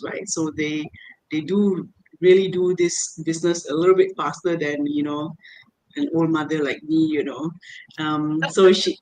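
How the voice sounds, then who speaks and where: A woman's voice: on the low side, a little mellow, no echo, low-quality recording. Hesitant middle-aged woman guest. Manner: hesitant, many fillers like uh and um. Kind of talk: casual self-introduction.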